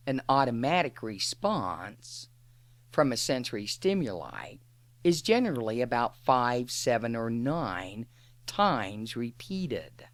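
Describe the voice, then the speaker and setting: A woman presenting a guided imagery program, teaching slowly and deliberately with long pauses. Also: rumbling low, no echo. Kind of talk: slow, calm teaching.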